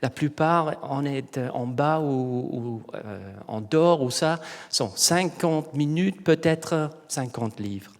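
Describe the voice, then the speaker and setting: A middle-aged Englishman gives an informal conference talk in French with an English accent, pausing haltingly as he searches for words. His voice is mid-range. A long hall reverb fills the recording.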